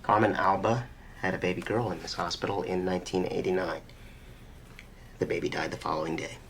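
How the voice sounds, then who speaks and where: A guarded hospital official who sticks to the rules. His voice is very deep and gravelly, and he talks fast. A faint hiss sits under the film audio. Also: a bit bright. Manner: measured, guarded. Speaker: hospital records clerk.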